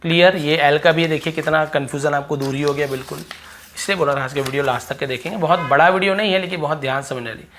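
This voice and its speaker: A man with a Hindi accent teaching silent letters in English, who says example words slowly several times and often asks whether things are clear. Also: fairly high pitch, fairly bright tone, a little hiss or hum. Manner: repeats example words slowly, checks understanding with questions. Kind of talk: explaining silent-letter rules.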